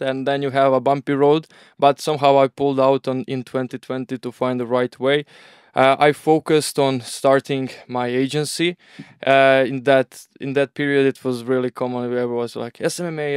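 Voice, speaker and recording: Croatian-accented young man, smooth voice. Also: medium pitch, no echo, studio quality. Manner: relaxed, rambling, uses "bro" and "like". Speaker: agency owner, guest. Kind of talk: casual interview talk.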